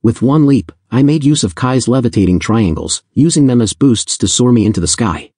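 A man's voice: mid-range voice, expressive, normal speed, mellow, no echo, studio quality. A man narrating a first-person fantasy audiobook in an intense, blunt, casually profane storytelling manner.

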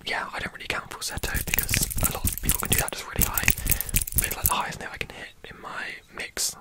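A young British man chatting casually in a breathy ASMR whisper, rambling and confiding. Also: fast. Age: young adult. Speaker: ASMR video host.

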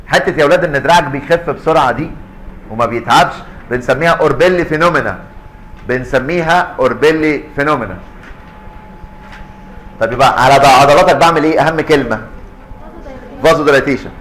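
Fast-talking Egyptian lecturer, animated man. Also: on the high side, slight background noise, poor audio. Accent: Egyptian Arabic. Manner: animated, keeps quizzing students and acting out little scenes. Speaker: university physiology lecturer. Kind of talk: lively medical lecture to students. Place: lecture hall.

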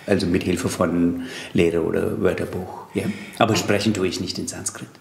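In an interview, a man from Tamil Nadu who teaches yoga and studies Sanskrit explains yoga texts in Tamil-accented German, pausing thoughtfully with fillers. His low, steady voice has vocal fry and a darkish tone at normal speed, heard in a reverberant space with a little hiss or hum.

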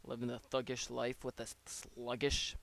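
A man's voice: medium pitch, monotone, moderate pace, creaky, a bit bright. A man giving casual, rambling play-by-play of his own online battle, with joking asides, close to a desk microphone. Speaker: league player.

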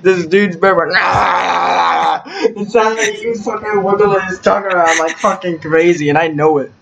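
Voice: mid-range voice, moderate pace, lo-fi sound, crowd noise. A player chatting casually while gaming, swearing and laughing often. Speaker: gamer. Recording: noisy voice-chat recording.

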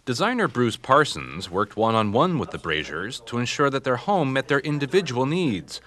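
A male TV host narrating a home-building feature in a smooth, measured presenter voice. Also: medium pitch, big pitch swings, fairly bright tone. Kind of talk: scripted documentary narration. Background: background music under the voice-over.

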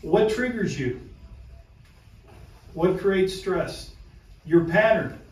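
An emphatic man leads a self-help lesson and drives each point home by repeating it. His voice sits high for a man. He sounds far from the mic, in a very echoey room with a faint hiss underneath. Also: lively intonation, very slow. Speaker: presenter. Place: room with a small live audience.

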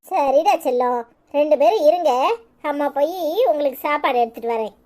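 A woman voicing a gentle, reassuring mother in a Tirunelveli Tamil accent for a cartoon. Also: sits high, brisk, natural voice. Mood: soothing. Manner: coaxing, reassuring. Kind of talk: cartoon comedy voice acting.

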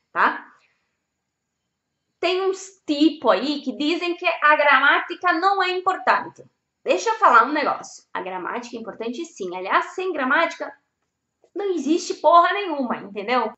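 Pushed and bright, her voice sits high as a young woman teaching Spanish runs a casual video lesson on learning languages. She's blunt, emphatic and swears liberally, and the recording has room echo and slightly dull sound.

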